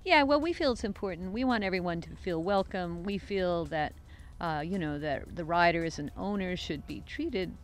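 A middle-aged woman talking into a handheld microphone held out to her on a sunny lawn. Her answers are relaxed and conversational, and she often starts a sentence over before finishing it. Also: lowish voice, moderate pace. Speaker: guest, show organizer. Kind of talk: interview answers. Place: outdoors on a sunny farm lawn. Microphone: interviewer's handheld microphone.

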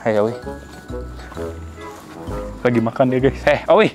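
A man chatting excitably to viewers while handling and feeding a pet, talking outdoors. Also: mid-range voice, unhurried, over music. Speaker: animal vlogger. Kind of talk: casual vlog chatter.

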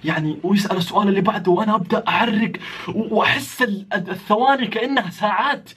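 Brief: Saudi male vlogger, high voice, rapid, animated comic storyteller. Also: husky. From Saudi Arabia. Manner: animated, jokey, addresses viewers as guys.

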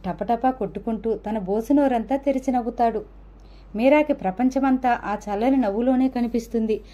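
A woman narrating an audio novel in a calm, measured reading. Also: a little high. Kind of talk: scripted narration.

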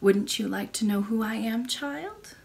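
In a storybook, a woman voices a very old royal great-great-grandmother who is kind and a little mysterious. Her voice is fairly high and creaky, and she speaks calmly and in a measured way. She sounds patient and gently sure of herself.

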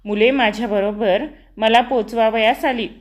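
Brief: woman audiobook narrator, high-pitched, expressive first-person storytelling. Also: unhurried.

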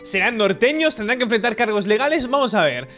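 Animated young Spanish-gaming host; high, lively commentary. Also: male voice, quick pace, faint music behind. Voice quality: animated, jokey. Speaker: gaming youtuber. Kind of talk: let's play commentary.

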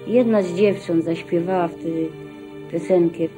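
An older woman recounting her own experiences as a witness, in a measured, reflective way that sometimes drops to a hush. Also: on the low side, fairly even intonation, over music. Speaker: survivor giving testimony. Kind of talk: spoken personal testimony.

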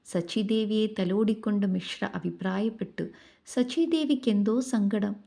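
Mellow-voiced woman narrating a devotional tale. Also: medium pitch, normal speed, creaky. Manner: gentle, reverent storytelling. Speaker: storyteller.

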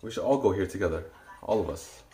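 A man's voice: sits low, lively intonation, fast talker, dark tone, faint music behind. A young man streaming a workout, chatting casually with viewers and short of breath from exercising. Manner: talks to chat while exercising, counting reps under his breath. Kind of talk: casual live-stream chat during a workout.

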